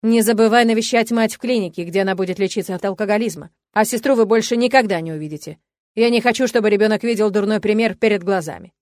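A cruel middle-aged father hurls sneering insults in a loud, contemptuous voice, as a woman reading the story acts him out. He sounds like a bully who is sure of his power. The reading is dry and close, with no room sound. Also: medium pitch, quick pace, no echo, close to an everyday voice. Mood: cold threatening.

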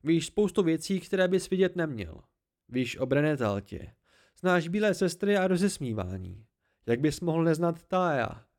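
In an amateur audiobook, a man voices Bast, a volatile young fae man. Agitated, the character pleads and shouts in high, excitable outbursts.

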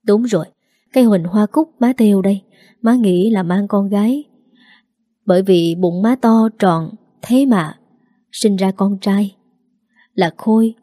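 A frail old mother speaks her last words , voiced by a woman narrator. Her voice is mellow and slow, broken by tears, as in a spoken storybook. It sounds close and dry. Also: mid-range voice, dry recording, lightly acted. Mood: tender. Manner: slow, faltering, tearful.

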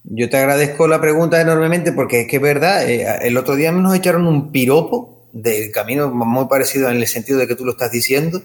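A man's voice: medium pitch, fast talker, hardly any pauses. A man with a Canarian Spanish accent, an ethnomusicologist guest giving long, discursive explanations full of tag questions. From Tenerife, Canary Islands. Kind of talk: explanatory interview answers.

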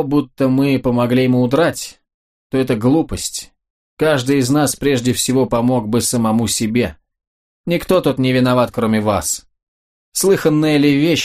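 A man's voice: mid-range voice, darkish tone, natural voice. A man voicing a proud nobleman officer in an audiobook, reasoning urgently and reproachfully. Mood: mocking.

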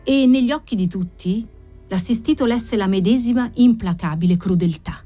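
A woman reading a novel aloud as an audiobook narrator, with an expressive delivery. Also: on the high side, moderate pace, faint music behind.

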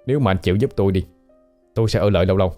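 A man's voice: low voice, racing, darkish tone, faint music behind, natural voice. A man voicing a polite, inquisitive young man questioning a ghost.

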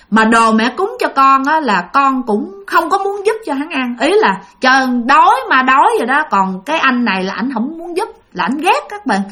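A woman's voice: high-pitched, fairly bright tone. Chatty woman storyteller. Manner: chatty, addresses listeners directly. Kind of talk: casual spoken ghost story.

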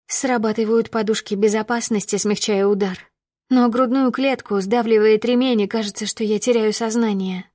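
A woman narrating a first-person audiobook with steady storytelling that rises with emotion in dialogue. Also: on the high side, moderate pace.

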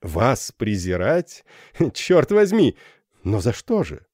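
A man playing a vain, gallant young army captain who speaks loudly and patronisingly. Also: on the low side, lively intonation, unhurried, no room sound, studio quality. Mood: gallant, swaggering. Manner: loud, jovial, patronising.

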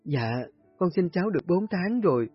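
Guy putting on a young mom voice, high, soft and pleading, husky dull lo-fi sound, faint music behind. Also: big pitch swings, normal speed, no room sound, exaggerated voice. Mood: hesitant. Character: young woman, a guilt-ridden new mother.

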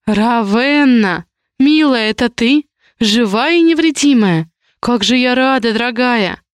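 A woman reading an audiobook plays a bubbly, exclaiming female pastry shop owner who gushes over every guest. Her voice lifts higher and brighter than the narration, smooth and clear. The sound is close and dry. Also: expressive, dry recording. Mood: gushing. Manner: bubbly, exclaiming, drawn-out gushing. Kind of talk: audiobook character voice.

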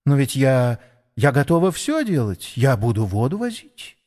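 A man's voice: medium pitch, very animated, normal speed, a little mellow, lightly acted. A man voicing a young racing mare who speaks earnestly and with wonder in a storybook. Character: young golden racing mare, eager and kind. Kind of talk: audiobook character voice.

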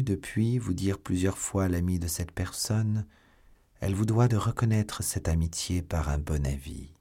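A man's voice: low voice, dark tone. A man reading an audiobook, voicing a refined, self-assured musketeer poet reading a formal letter aloud.

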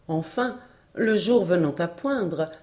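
A woman reading a folk tale aloud as an audiobook narrator, measured and expressive. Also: fairly low pitch. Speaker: audiobook reader.

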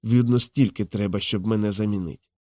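A man voicing a drunk, hulking, jealous husband who speaks in a slow, slurred, menacing drawl, in an audiobook. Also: on the low side, steady tone, dark tone, no echo, studio quality, natural voice. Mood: drunken menace. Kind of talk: audiobook character voice.

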